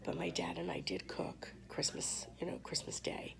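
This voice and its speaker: Losing her voice to hoarseness, a woman vlogger tells a personal story to camera, soft and halting with many pauses. She speaks in a whisper, her deep voice still very animated.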